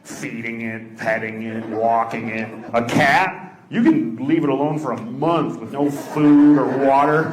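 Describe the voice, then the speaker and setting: A man's voice: mid-range voice, a little slow, background noise. Brash man doing stand-up in an echoey club. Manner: teasing, brash, shouts punchlines. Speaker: stand-up comedian. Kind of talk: stand-up crowd work. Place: comedy club stage. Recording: echoey club with loud crowd.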